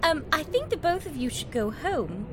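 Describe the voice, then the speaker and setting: A woman's voice: high voice, big pitch swings, moderate pace, background noise. A woman voicing a posh, flustered gnome lady with affected airs and a hesitant manner. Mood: evasive.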